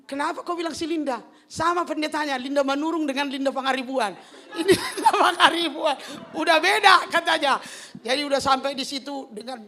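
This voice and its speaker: A woman's voice: high voice, sharp tone. A woman pastor with a Medan accent, preaching a sermon through humorous stories that often make her laugh. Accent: North Sumatran (Medan). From Medan, North Sumatra.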